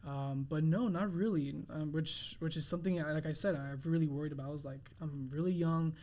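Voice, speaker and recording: A young man with a somewhat higher voice speaks as a guest on a podcast. He talks earnestly, restarting phrases and reaching for words as he explains himself. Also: darkish tone. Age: 20s. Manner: earnest, halting, many restarts and fillers. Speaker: realtor guest. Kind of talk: casual interview chat.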